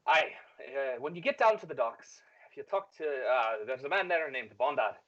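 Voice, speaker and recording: A guarded, discreet employer from a college in a tabletop game, played by a man, weighing his words with small hesitations. His pitch is middling. The sound is dull and lo-fi. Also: lively intonation, fairly bright tone. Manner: measured, hesitant.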